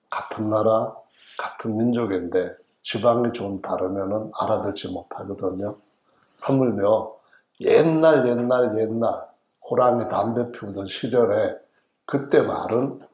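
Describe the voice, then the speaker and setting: Middle-aged Korean man from the central region, pastor; humorous, folksy sermon delivery, lowish voice, church echo. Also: a little mellow. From Chungcheong region, South Korea. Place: church sanctuary.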